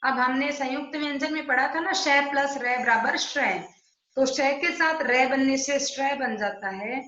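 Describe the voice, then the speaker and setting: A woman teacher with a slightly high voice talks slowly and patiently, explaining each step and asking her pupils questions. Her voice rings with heavy echo in a bare room. The sound is dull and muffled, like a home recording. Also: sharp tone. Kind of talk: online Hindi grammar lesson.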